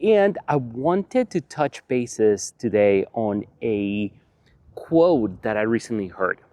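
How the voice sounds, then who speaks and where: A man's voice: on the low side, animated, slow, dark tone, no echo. Earnest man in his forties. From Venezuela. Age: 40s. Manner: earnest, repeating phrases for emphasis. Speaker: vlogger. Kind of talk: motivational talk to camera. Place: outdoors on a windy evening.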